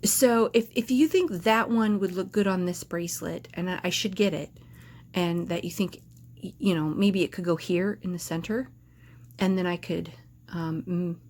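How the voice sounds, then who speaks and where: A woman's voice: on the low side, darkish tone. A woman vlogging casually to camera, rambling and hesitant, with lots of filler words and restarts.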